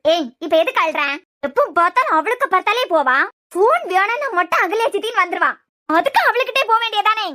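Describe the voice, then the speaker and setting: A woman's voice: extremely high pitch, lively intonation, fast, pushed and bright, full character voice. A woman voicing a jealous, scheming young woman in a cartoon series, muttering spitefully in a Kanyakumari Tamil accent. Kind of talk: cartoon web series voice acting.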